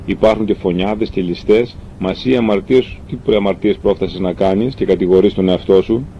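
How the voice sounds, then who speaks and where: A man voicing a grieving mother who speaks anxiously to her sick son. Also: steady tone. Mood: worried. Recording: dull lo-fi recording with faint rumble.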